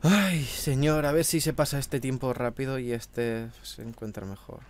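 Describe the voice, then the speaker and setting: A gameplay commentator with a slight cold and a somewhat hoarse throat chats casually and swears while commentating a video game from a room at home. His voice is mid-range and he speaks at a normal speed.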